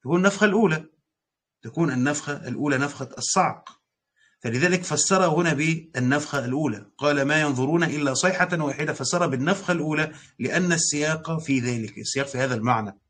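A man's voice: fairly high pitch, fast, a bit bright. Egyptian man teaching Quran commentary. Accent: Egyptian Arabic. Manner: explains, reads passages aloud, then paraphrases; hesitant restarts while thinking aloud. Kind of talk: classroom lesson on Quran commentary.

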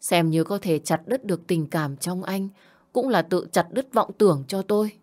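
A woman reading a first-person story aloud in a soft, subdued, sorrowful way. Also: on the low side, moderate pace.

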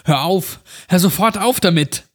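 A man's voice: high-pitched, lively intonation, a little slow, a little mellow, voice pushed up. A man voicing the frightened protagonist of a horror story, pleading and shaken. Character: terrified adult man trapped in a nightmare.

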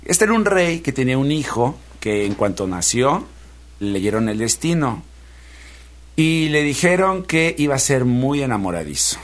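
A man reading a folk tale aloud on the radio, in a folksy, unhurried manner, speaking straight to his listeners. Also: mid-range voice, big pitch swings. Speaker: radio storyteller. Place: radio studio.

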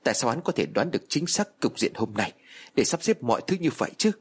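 A man's voice: medium pitch, big pitch swings, fast, breathy edge. A man voicing a stern, arrogant old male exorcist who scolds and gives orders in a storybook tale. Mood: bitter. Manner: commanding, scolding.

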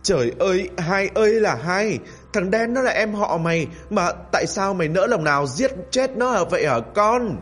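A man voicing a grieving middle-aged mother who wails and scolds through tears, slightly husky. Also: expressive, moderate pace, fairly bright tone, faint music behind, exaggerated voice. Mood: wailing, accusing. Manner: crying, scolding, shrill.

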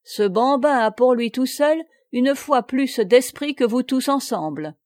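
A woman reading aloud, voicing a brash, imperious captain who gives loud orders. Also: high voice, expressive, measured pace, no room sound, clean studio sound, voice pushed up. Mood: commanding. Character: commanding man, a brash captain.

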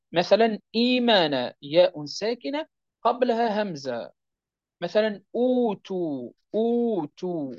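A man teaching the rules of Quran recitation step by step, checking with his listeners and chanting the verse examples slowly. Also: fairly high pitch, a little mellow, no echo. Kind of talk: religious lesson explaining recitation rules. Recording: dull, dry lo-fi recording.

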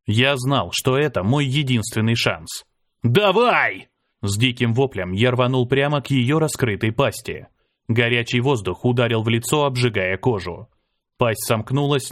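A man narrates a first-person fantasy audiobook in a mid-pitched voice. His reading is dramatic and climbs in pitch and force on the cries of battle. The sound is dry and close, with no room around it. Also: dry recording. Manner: dramatic, lifts pitch and volume for shouted lines.

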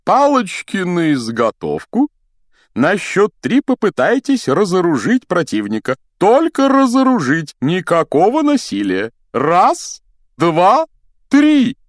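A vain, theatrical wizard teacher, as a male audiobook reader puts him on, booming and full of himself. The voice sits high and loud, swinging up and down. The room sounds dry and close. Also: huge pitch swings, measured pace, no room sound. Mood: pompous, showy. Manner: grandiose, self-admiring, booming. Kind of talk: audiobook character voice.

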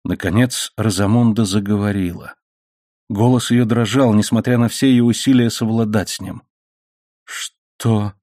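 A man reading an adventure novel aloud in measured, dramatic storytelling. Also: fairly low pitch, fairly even intonation, dark tone, no room sound, studio quality. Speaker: audiobook reader. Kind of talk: scripted audiobook narration.

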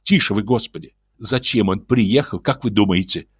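A man's voice: lowish voice, moderate pace, fairly bright tone, husky, no echo, clean studio sound. A man voicing an anxious, emotional middle-aged woman fortune-teller who pleads breathlessly. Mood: anxious pleading.

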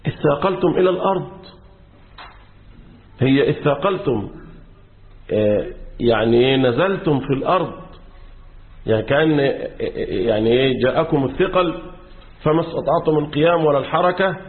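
Egyptian sheikh teaching a class, voice a bit high, keeps throwing questions at the students, sounds thin like a phone line. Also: male voice, fairly quick, long pauses. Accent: Egyptian Arabic. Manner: keeps quizzing his class with fill-in questions and repeats key words. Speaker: sheikh teaching Quran commentary. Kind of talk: classroom lecture. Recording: tinny lo-fi phone-like recording.

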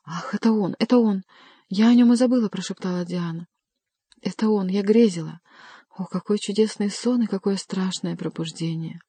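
A woman voicing a gentle young noblewoman speaking to her lover. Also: medium pitch, moderate pace, breathy edge, no echo. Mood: alarmed. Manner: gentle, lyrical. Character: tender young noblewoman in love.

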